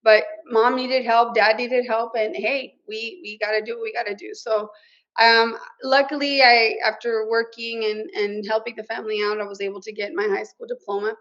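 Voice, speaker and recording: A woman's voice: on the high side, flat delivery, moderate pace, a bit bright, lo-fi sound. A middle-aged woman from Mexico, raised in Nebraska, telling her personal story as an interview guest in an earnest, emotional way, with Spanish words mixed in. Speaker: interview guest, business owner.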